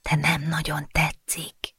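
A man's voice: medium pitch, sing-song, gravelly, darkish tone, dry recording. A man voicing a rebellious teenage girl in an audiobook; she talks in a sulky, pleading way and sometimes drops to a whisper. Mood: sighing.

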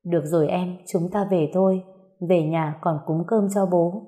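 Soft-spoken caring young man, read by a woman. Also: on the low side, fairly even intonation, normal speed, natural voice. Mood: gentle.

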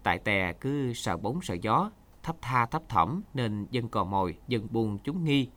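A man reading a short story aloud for a radio program in an expressive storytelling manner. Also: mid-range voice, unhurried. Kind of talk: scripted narration.

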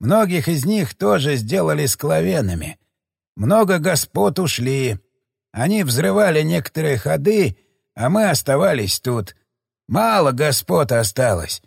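A fearful ancient elder with a gravelly, husky voice, as a male narrator puts him on, speaking in hushed, halting bursts. The voice sits a little higher than usual and swings widely in pitch. The storybook reading is dry and close. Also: big pitch swings, dry recording, heavily acted. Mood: somber recounting. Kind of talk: audiobook character voice.

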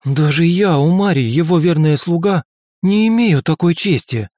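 A man voicing a fanatical young female devotee who speaks zealously and indignantly in a much higher voice. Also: lively intonation, moderate pace, a little mellow, no echo, clean studio sound, lightly acted.

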